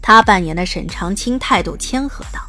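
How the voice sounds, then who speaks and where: A woman reading the narration of an audio drama in a smooth, lightly wry storytelling manner. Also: medium pitch, expressive, moderate pace, pushed and bright, soft background music.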